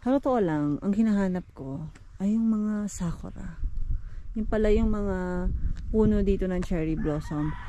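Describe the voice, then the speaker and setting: A woman's voice: mid-range voice, unhurried, warm tone. A woman with a Filipino accent chatting playfully as a travel vlogger at an outdoor flower farm. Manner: chatty, playful, giggly asides. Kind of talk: casual travel vlog chat.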